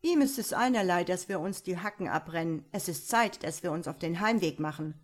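A woman's voice: medium pitch, animated, a little slow. A woman voicing mocking, greedy sons-in-law who scold and taunt. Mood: scornful.

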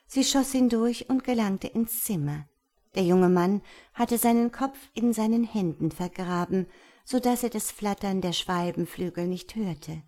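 A woman narrating a fairy tale aloud in slow, deliberate storytelling. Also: medium pitch, mellow. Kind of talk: audiobook fairy tale reading.

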